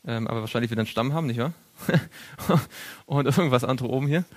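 A man leads a Bible study in a church group room, talking at a mid pitch. He keeps turning to the group with questions and chuckles now and then as he sketches on a board. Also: fast talker. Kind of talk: interactive Bible study lesson.

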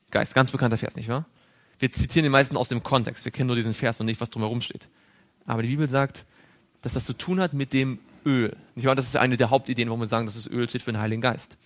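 Guy teaching bible study to a small group, mid pitch, keeps asking questions n chuckling, sketching on a board. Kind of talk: interactive Bible study lesson.

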